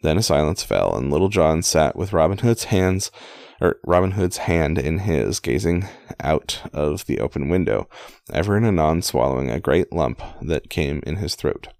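Casual male reader, very low and gravelly, halting, with offhand asides. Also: animated, darkish tone, no echo, clean studio sound. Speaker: amateur reader. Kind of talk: casual read-aloud storytelling.

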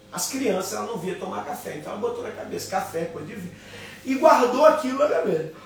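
Male pastor, fairly high voice, storytelling sermon, echoey room from a distance. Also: a little hiss or hum. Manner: storytelling, repeats phrases for emphasis. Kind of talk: sermon with personal stories. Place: home office. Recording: echoey room, voice from afar, faint ambience.

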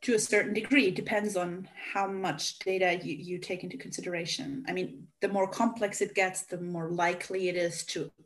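A woman's voice: fairly low pitch, fairly even intonation, moderate pace, hardly any pauses. A woman with a Hungarian accent, a native Hungarian speaker, explaining things emphatically in a casual discussion.

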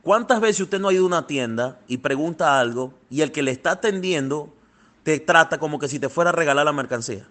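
A man preaching a fervent sermon, calling his listeners beloved and swinging between soft passages and loud, thundering ones. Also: fairly high pitch, animated, fairly quick. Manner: fervent, addresses listeners as "amado".

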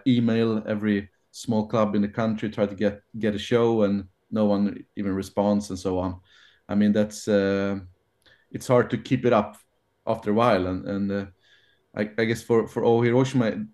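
A man guesting on a podcast, talking about his band in a hesitant, unhurried way with many fillers and restarts. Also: lowish voice, mellow. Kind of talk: casual interview answers.

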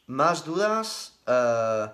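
A young man, a nutrition coach answering viewer questions on a live stream in brisk, matter-of-fact replies with casual slang. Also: medium pitch, sing-song, fairly bright tone.

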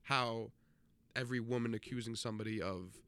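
A man's voice: medium pitch, steady tone, fairly quick, fairly bright tone, clean tone, dry recording. A young man co-hosting a podcast, talking in a profane, joking and emphatic way. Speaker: podcast co-host. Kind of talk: casual chat.

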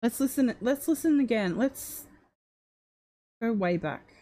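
A woman's voice: on the high side, expressive, measured pace, dark tone. A woman casually thinking aloud as she tries to make out the words of a recording, often hesitant and puzzling over phrases. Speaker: streamer transcribing a recording.

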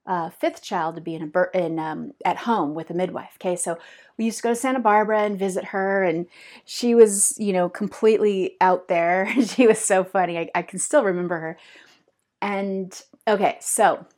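A woman's voice: medium pitch, normal speed, a little mellow. A woman in her fifties telling a personal story on her podcast in a casual, rambling way, with many fillers, restarts and laughs. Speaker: podcast host.

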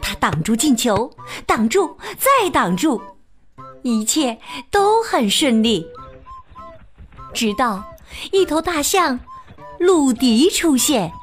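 A woman narrating a children's story in an expressive, playful way. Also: fairly high pitch.

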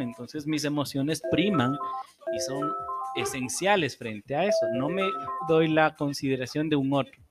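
A man, a psychologist guest, explaining things in a calm, measured way on a podcast. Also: a little high.

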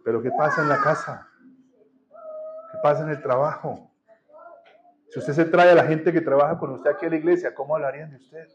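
A man's voice: on the high side, animated, normal speed, pauses often, highs cut off, noisy background. A man preaching a sermon in a church, blunt and colloquial with strong emphasis. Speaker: pastor. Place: church hall.

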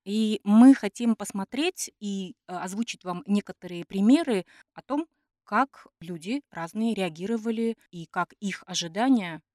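A woman's voice: mid-range voice, moderate pace, mellow, no echo, clean studio sound. A woman co-hosting a podcast in a conversational style, sometimes hesitantly searching for her words. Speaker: podcast co-host. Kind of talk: conversational podcast discussion with read-out quotations.

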